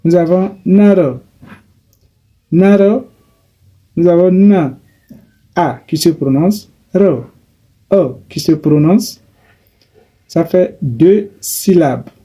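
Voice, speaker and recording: A man teaching a grammar lesson, slowly and haltingly, repeating himself and correcting his as he goes. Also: a little high, warm tone, husky. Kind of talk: grammar lesson explaining English adjectives.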